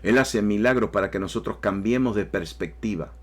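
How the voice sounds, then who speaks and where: A man's voice: on the low side, brisk. A man preaching a sermon emphatically, with rising bursts and repeated phrases. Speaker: pastor.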